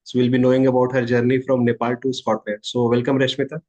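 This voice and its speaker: A man's voice: medium pitch, completely flat delivery, quick pace, a little mellow, muffled recording. Affirming male podcast host. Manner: affirming, often repeats "sure, sure" before questions. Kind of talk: casual interview conversation.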